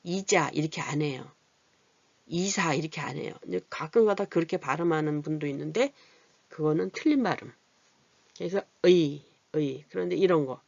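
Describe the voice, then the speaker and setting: An adult literacy teacher explaining vowels patiently, asking rhetorical questions and reading example words slowly. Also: mid-range voice, gravelly, darkish tone, no room sound, muffled recording. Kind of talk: Korean vowel lesson.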